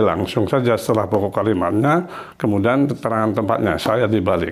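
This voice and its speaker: Patient man teaching Spanish. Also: medium pitch. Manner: patient, explains slowly with repetition. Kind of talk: classroom language lesson.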